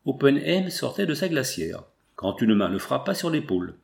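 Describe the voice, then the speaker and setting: A man narrating a literary novel as an audiobook in a measured storytelling manner. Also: medium pitch, sing-song, vocal fry.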